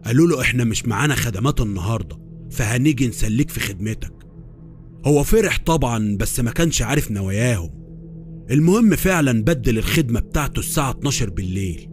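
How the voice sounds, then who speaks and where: A man's voice: medium pitch, a little mellow. Egyptian man telling a horror story. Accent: Egyptian Arabic. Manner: confiding first-person retelling.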